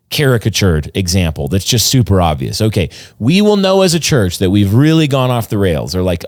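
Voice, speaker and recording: A man with a fairly low voice talks as a pastor in a casual podcast conversation. He explains earnestly and at length, restarting sentences as he goes. The sound is dry and close, with no room around it. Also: no echo.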